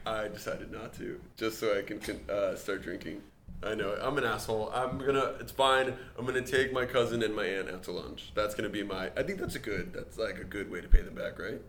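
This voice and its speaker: A man's voice: lowish voice, a little fast, a bit bright. A young man co-hosting a podcast, telling a story in casual chat with many restarts and slips. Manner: rambling storyteller, frequent restarts and word slips. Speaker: podcast co-host. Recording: echoey room, faint noise.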